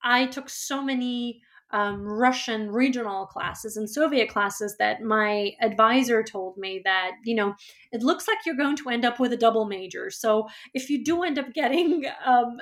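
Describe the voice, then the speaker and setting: Her voice on the high side, a Georgian woman whose first language is Georgian talks reflectively about her life as an interviewed author, her speech dotted with fillers, pauses, and restarts.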